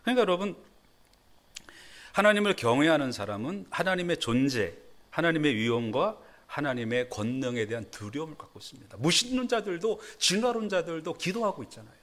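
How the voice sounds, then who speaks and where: A middle-aged man gives a Sunday sermon as a pastor in a church, in a fairly high, very lively voice. His delivery is chatty and self-deprecating, and it jumps up when he stresses a point. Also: brisk. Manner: conversational preaching with self-deprecating laughs and sudden emphatic rises. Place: church sanctuary.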